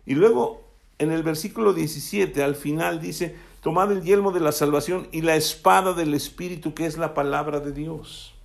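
A man's voice: fairly high pitch, normal speed, gravelly. A man preaching a sermon, often asking his listeners for a yes as he goes. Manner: asks the congregation "¿sí?" often. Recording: echoey room.

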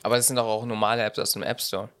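Young man, casual chat, skeptical, quick to interject, co-host. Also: on the low side, level tone, fairly bright tone. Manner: interjecting, skeptical questions, quick back-channel replies.

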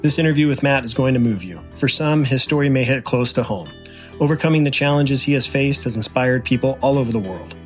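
Enthusiastic male announcer read, mid pitch, faint music behind. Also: a little fast. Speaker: podcast host. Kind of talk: scripted show introduction.

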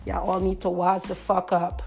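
A woman's voice: fairly low pitch, monotone, moderate pace, creaky, a little mellow, faint music behind. A middle-aged woman hosting a podcast, ranting emphatically in profane street slang. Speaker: podcast host.

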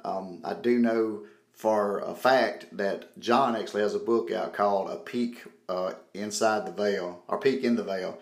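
A man's voice: fairly low pitch, fairly even intonation, unhurried, vocal fry. A man hosting a podcast, talking casually to his listeners as he introduces the show. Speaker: podcast host. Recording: roomy echo, faint music behind.

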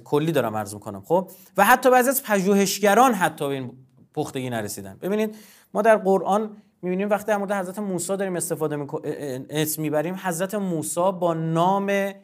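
Brief: man with a high speaking voice, formal and insistent guest scholar. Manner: formal, emphatic, lecturing, with many repetitions. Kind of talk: religious studies discussion.

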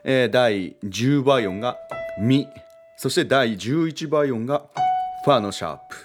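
A man's voice: medium pitch, animated, unhurried. A man hosting a casual music lesson, thinking aloud with many fillers and correcting himself as he explains.

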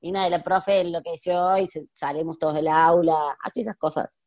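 A woman's voice: fairly low pitch, fairly even intonation, a little fast, darkish tone. A woman in her thirties with a Rioplatense Spanish accent, a history teacher talking casually in an interview, laughing often and using many fillers. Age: 30s. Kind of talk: conversational interview.

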